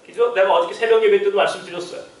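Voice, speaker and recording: A man's voice: high voice, steady tone, quick pace. A man preaching a sermon as pastor, emphatic and full of rhetorical questions, with chuckling asides. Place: church sanctuary. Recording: roomy church sound, mic far off.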